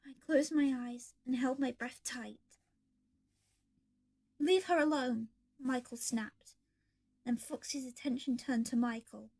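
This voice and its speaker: A woman's voice: a little high, fairly even intonation, unhurried, darkish tone, husky. A woman narrating a first-person fan story in an earnest storybook manner.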